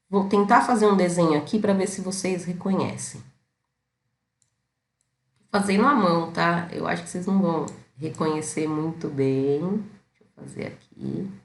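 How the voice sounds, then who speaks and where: Speaking on the low side in an echoey room, a Brazilian woman who runs a self-knowledge channel chats through a story for her audience. She constantly tosses tag questions to viewers to check in with them.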